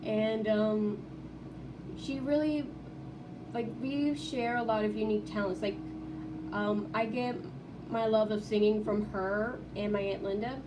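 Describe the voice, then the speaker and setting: A young woman records a casual vlog in her college dorm room. She rambles and restarts her sentences, filling gaps with ums. She sits some way from the mic, with steady noise around her. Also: medium pitch, a little slow, distant mic. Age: young adult. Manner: rambling, many fillers and restarts. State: tearful, voice breaking. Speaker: vlogger.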